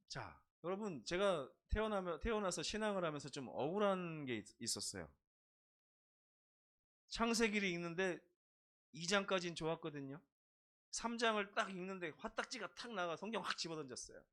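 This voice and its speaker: A man's voice: sits high, fairly bright tone. A middle-aged male pastor preaching in a church, telling humorous stories and putting questions to the congregation. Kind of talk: sermon.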